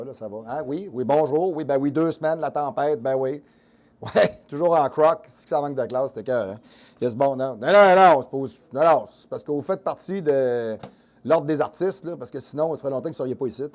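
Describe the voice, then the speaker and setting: A man's voice: on the high side, darkish tone. A man hosting a fitness show in a Québécois French accent, mixing coaching with crude, teasing jokes. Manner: joking, crude, teasing asides; instructive coaching during exercise demo. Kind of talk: comedic fitness show monologue.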